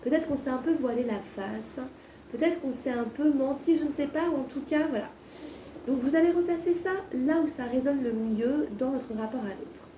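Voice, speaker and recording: High mellow woman doing card readings, bit hoarse like swollen tonsils, echoey room. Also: moderate pace. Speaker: tarot card reader, host. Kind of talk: casual spoken tarot reading. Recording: roomy echo, distant mic, faint noise.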